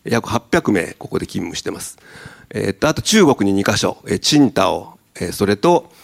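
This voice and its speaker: Man, company president, gravelly voice, polite formal talk, hesitant fillers. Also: lowish voice, very animated, normal speed. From Okayama, Japan. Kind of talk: corporate presentation at a seminar. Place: seminar hall in Tokyo.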